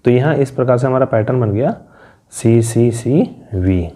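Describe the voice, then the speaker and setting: A man with a mellow, warm voice teaches a lesson in a patient classroom manner. He works through each point step by step, posing questions and answering them himself, and he draws out letter sounds slowly as he spells out patterns. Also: medium pitch. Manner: explains step by step, asking and answering his own questions. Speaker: English teacher.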